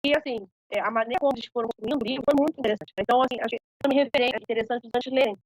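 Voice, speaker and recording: Woman moderator, slightly high voice, quick and hesitant, dry close sound. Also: breathy edge, no room sound, poor audio. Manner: hesitant, many fillers and tag questions. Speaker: seminar moderator. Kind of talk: online academic discussion.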